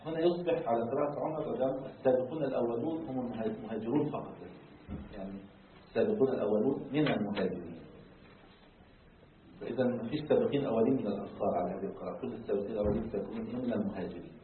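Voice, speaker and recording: A man giving a lecture on Quran commentary, explaining at length, filling pauses with a drawn-out "ah" and checking in with the class through rhetorical questions. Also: mid-range voice, a little hiss or hum. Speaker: religious teacher. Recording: distant, echoey, tinny phone-like lecture recording.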